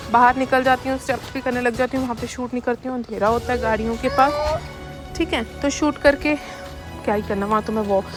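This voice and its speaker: A young woman chatting fast in a family vlog voice-over, talking straight to her viewers. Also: high voice. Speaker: family vlogger. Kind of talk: casual voice-over narration of daily life. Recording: voice-over with faint background music.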